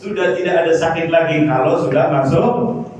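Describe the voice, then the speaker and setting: A man with a notably high voice preaching a Ramadan sermon, calling out rhetorical questions and stretching his prayers into a chant. He sounds set back from the mic in a large hall with heavy echo, the recording dull and lo-fi with a faint hiss. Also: animated, darkish tone. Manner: rhetorical questions to the crowd, drawn-out chanting cadence. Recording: echoey lo-fi sound from far off.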